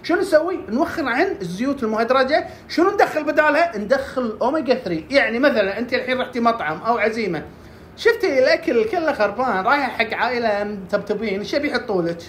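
Woman, fast talker, fairly high voice, health tips, asks and answers herself, faint background hum. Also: lively intonation. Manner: quick, asks and answers her own questions. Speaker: herbal health presenter. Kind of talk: casual health tips talk.

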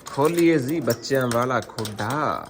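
A man's voice: mid-range voice, lively intonation, measured pace, noisy background. A man from Punjab hosting a casual vlog, chatting and joking with friends. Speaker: vlog host, pigeon keeper.

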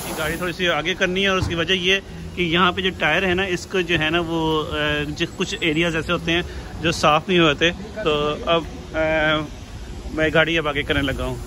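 A man's voice: a little high, level tone, normal speed. A middle-aged man talking casually to a camera outdoors at a car wash, explaining each step with many fillers. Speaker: vlogger. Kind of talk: casual vlog commentary. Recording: outdoor street noise behind voice. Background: cars and outdoor urban noise.

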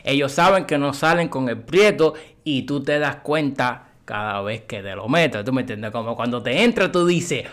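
Man, mid-pitched voice, music reaction host, excitable, swears, keeps asking "you get me?". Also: moderate pace, few pauses. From Cuba. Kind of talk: casual reaction commentary.

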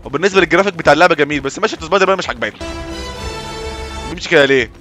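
Young egyptian guy yelling over a game, talks super fast, high voice, game music going in the back. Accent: Egyptian Arabic. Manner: excitable, shouting at the screen. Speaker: gaming host. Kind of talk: live gameplay commentary.

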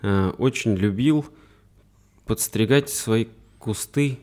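A man, a psychotherapist co-hosting a podcast, explaining things with many pauses and fillers. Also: lowish voice, a little mellow. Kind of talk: casual conversation.

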